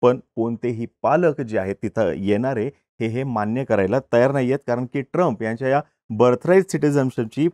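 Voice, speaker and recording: A man's voice: medium pitch, moderate pace, hardly any pauses, darkish tone, no room sound, clean studio sound. A man hosting a news explainer, speaking steadily with occasional hesitation fillers.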